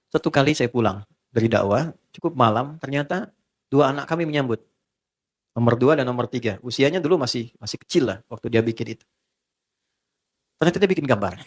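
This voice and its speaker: Lively relaxed male preacher. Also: mid-range voice. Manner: relaxed, joking lecture with acted dialogue. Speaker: Islamic preacher. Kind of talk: sermon.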